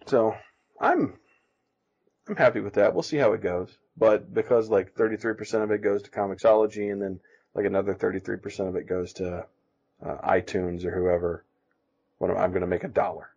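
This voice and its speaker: A man co-hosting a casual podcast, talking in halting, self-deprecating stops and restarts. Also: lowish voice, fairly even intonation, creaky, a little mellow. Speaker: podcast co-host and comic artist. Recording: dull lo-fi sound.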